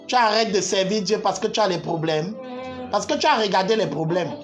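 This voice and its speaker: Preacher, fervent sermon, shouting, repeated phrases, laughing, faint music behind. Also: mid-range voice, expressive, a little fast.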